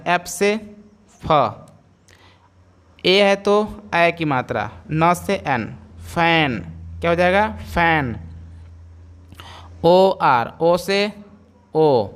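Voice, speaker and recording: A man's voice: fairly high pitch, smooth. A man giving a phonics lesson, spelling words out letter by letter, then repeating them and asking viewers to say them back. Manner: slow, repeats each word and quizzes viewers. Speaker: English teacher.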